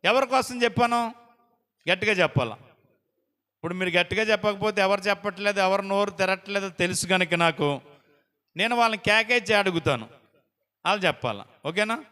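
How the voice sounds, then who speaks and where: A man preaches in a high, bright, crisp voice, firing question after question at his congregation and calling out loud praise. His voice carries a long reverb that rolls around a church hall. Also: fairly quick, long pauses. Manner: call-and-response, quizzing the congregation with repeated questions; exclaims praise loudly. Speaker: pastor. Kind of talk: sermon. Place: prayer house hall.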